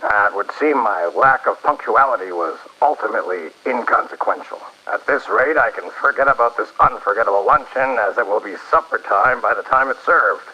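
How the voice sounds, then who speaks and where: An actor playing a pompous, sardonic, slightly tipsy school superintendent in a 1930s-style radio play, wordy and dryly suspicious. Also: male voice, lowish voice, a little fast, hardly any pauses, bright, forceful tone, slightly rough, muffled recording, heavily acted. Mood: tipsy, grumbling. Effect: old-time radio filter.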